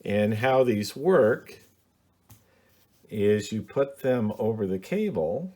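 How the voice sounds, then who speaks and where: Speaking slowly but with animation, the same kind of middle-aged radio hobby video host walks through a hobby project in his home office as a casual how-to. He's plainspoken and hesitant, often saying um, and his voice is fairly low and dark.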